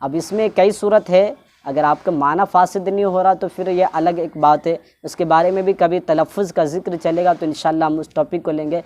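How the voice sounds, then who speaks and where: In a religious instruction talk, a woman explains things at length, repeating herself and elongating words to model how they should be said. Her voice is fairly low and darkish, with a steady tone.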